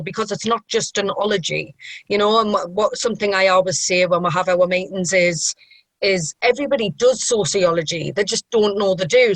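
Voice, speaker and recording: Young woman, strong Mackem accent from Sunderland, mid-pitched, earnest and discursive interview talk, dry recording. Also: a bit bright, dry recording, poor audio. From Sunderland, England. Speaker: sociology group member being interviewed.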